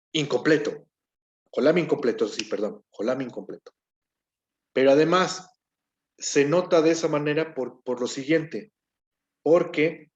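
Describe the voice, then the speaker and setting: Patient teacher man, dull recording. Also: medium pitch. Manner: explanatory, checks in with repeated "¿sí?". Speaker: Hebrew teacher. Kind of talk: classroom grammar lesson.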